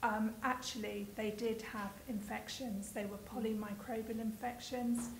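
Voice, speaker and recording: Woman advocate on a panel, earnest, high-ish voice, echoey room with faint hiss. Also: steady tone, a little slow, vocal fry. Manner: earnest, emotional when speaking of her daughter. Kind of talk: panel discussion.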